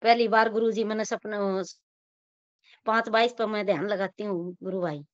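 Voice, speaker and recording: A woman's voice: mid-range voice, steady tone, normal speed, dry recording. Woman on a choppy, breaking-up call. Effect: choppy, breaking-up call audio. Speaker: caller sharing spiritual experiences. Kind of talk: devout, rambling testimony. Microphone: online call. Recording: dull, lo-fi online call.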